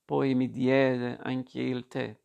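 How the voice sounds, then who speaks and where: Male audiobook narrator, mid-pitched, gravelly, even, unhurried literary reading. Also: highs cut off.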